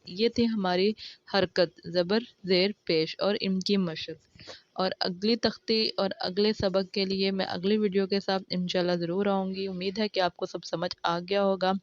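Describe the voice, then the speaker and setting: A woman's voice: medium pitch, fairly even intonation, dull audio. A woman with a Pakistani Urdu accent teaching Quran reading, patiently sounding out letters and syllables one by one. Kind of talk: slow instructional recitation.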